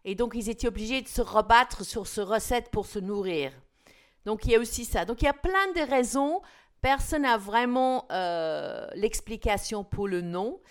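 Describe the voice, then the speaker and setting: A woman's voice: fairly high pitch, lively intonation, normal speed. A woman hosting a casual cooking chat, explaining a dish in a chatty way with frequent fillers. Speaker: host.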